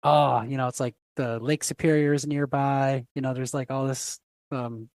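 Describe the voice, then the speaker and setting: A man's voice: mid-range voice, flat delivery, normal speed, darkish tone, dry recording, clean studio sound. A man hosting a podcast in casual chat, full of fillers and repeated words. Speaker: podcast host.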